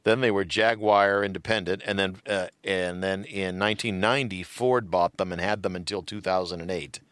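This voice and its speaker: A man with a very low, deep voice chatting casually as a podcast co-host. He rambles through his thoughts with plenty of fillers and breaks into laughter often. The sound is dry and close, with no room around it. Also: fairly even intonation, moderate pace, fairly bright tone, smooth, dry recording. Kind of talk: casual chat.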